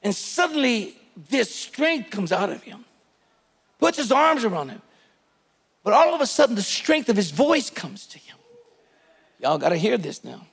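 A man's voice: sits high, big pitch swings, measured pace, gravelly, long pauses, fairly bright tone, husky, long reverb tail. A man preaching a sermon as pastor, retelling a scripture story emphatically and urging his listeners to take hold of it. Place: church sanctuary.

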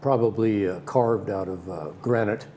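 Older man, mellow voice, hesitant ums, dry humor, faint hiss. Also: lowish voice, normal speed. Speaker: bocce club member. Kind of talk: studio interview answers. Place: TV studio set.

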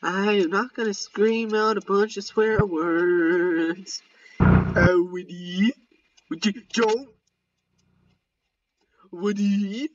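A man's voice: high-pitched, fairly even intonation, extremely slow, pauses often, recorded from a distance, lo-fi sound. A young man giving live commentary while he plays a game, swearing often and muttering in exasperation at his teammates. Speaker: gamer streamer. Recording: mic set back, faint background noise.

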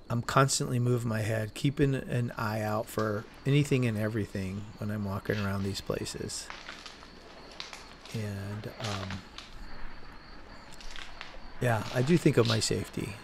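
A man with a gravelly, creaky voice talks through an abandoned building in the desert at night, speaking slowly and rambling. His camera is mounted on his chest, and faint crickets and insects chirp in the background. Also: lowish voice, fairly even intonation, background noise. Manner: slow, rambling, self-correcting. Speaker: urban explorer vlogger. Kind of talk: casual walkthrough narration.

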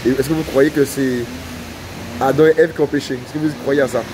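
Out on a city street, amid outdoor street noise, a street evangelist with a mid-range voice and fairly even intonation is interviewed. He speaks briskly in a conversational yet insistent way, often repeating himself.

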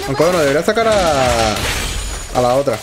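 A young man giving excitable let's play commentary, swearing often and talking to himself. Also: mid-range voice, a little fast, music in the background. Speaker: gaming YouTuber.

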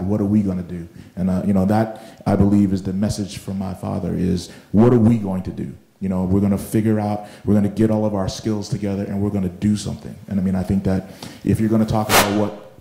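A man speaking on a panel discussion, reflective and halting, with many fillers and restarts. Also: lowish voice, gravelly, mellow. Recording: roomy echoing hall.

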